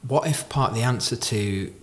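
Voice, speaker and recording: A man's voice: medium pitch, moderate pace. A man in his thirties hosting a podcast in thoughtful conversation at a desk microphone. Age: 30s. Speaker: podcast host. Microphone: podcast microphone on desk stand.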